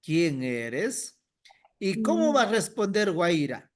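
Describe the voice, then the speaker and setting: A male teacher leads an online class at an unhurried pace, letting his pitch rise and fall freely as he explains. He questions students one by one and repeats answers slowly so they can follow. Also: very animated. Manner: patient, questions students by name. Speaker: language teacher.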